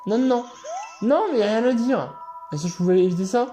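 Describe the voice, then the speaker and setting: A man doing let's play commentary, excitable, swearing and yelling at the game. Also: sits high, fairly quick. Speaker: gaming channel host. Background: game music.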